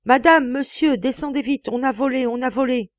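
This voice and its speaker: A woman's voice: sits high, normal speed, dry recording, studio quality, pitched above the performer's own voice, close to an everyday voice. A woman reading an audiobook voices a manservant who bellows with all his lungs to raise the alarm. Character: alarmed old coachman-servant.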